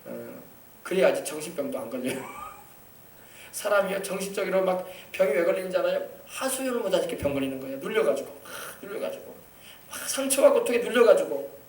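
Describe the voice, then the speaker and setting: In a church sanctuary, a male pastor with a high voice and wildly swooping pitch preaches emphatically at a fairly quick pace, drawing call-and-response from the congregation. The mic sits far off in an echoey hall.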